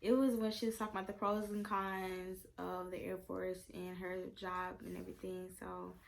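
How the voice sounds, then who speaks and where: A young woman, gushing excitedly through a casual unboxing vlog. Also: lowish voice, moderate pace, creaky, slight background noise. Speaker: vlogger. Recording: music playing behind.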